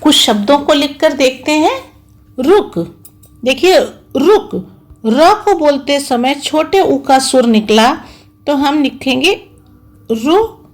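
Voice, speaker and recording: Woman schoolteacher for a children's online class; high, animated voice, slow, patient, spells out every syllable. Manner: slow, careful, spelling out each sound and syllable; patient, repeats each word twice. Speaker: school teacher. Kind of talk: online Hindi lesson for young children.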